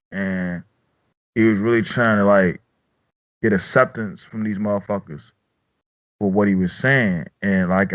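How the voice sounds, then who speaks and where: A man's voice: on the low side, fairly bright tone. A man hosting a casual chat about battle rap, loose and profane, often repeating himself as he rambles. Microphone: own podcast mic.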